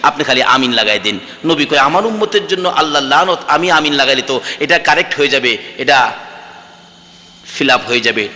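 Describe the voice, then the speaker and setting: A man from Bangladesh preaching a waz sermon, swinging between shouted fervor and low storytelling, sometimes chanted. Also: in a large hall.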